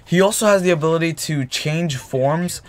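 A young man who hosts a gaming channel speaks in a voice on the high side at a normal speed. He's coming down with a cold and clears his throat while casually telling a story over gameplay, rambling with fillers and correcting himself. Faint gunfire from the game can be heard behind him.

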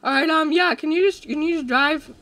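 Playing a co-op game, a young host talks a little fast with an extremely high pitch, using a desk mic. He's keyed up and jokey in this casual gameplay chat, frequently trailing off into filler words.

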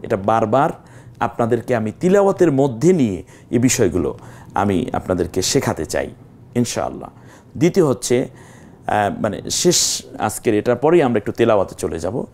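A man teaching Quran recitation on a TV lesson, patiently explaining rules and slowly drawing out the recited examples. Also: lowish voice, very animated, a little mellow. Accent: Bangladeshi Bengali.

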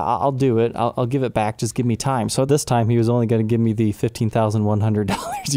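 This storytelling vlog has the guitar channel's host sharing something that happened to him, sounding worked up and exasperated. His low, gravelly, dark voice is recorded close and dry, with no room sound.

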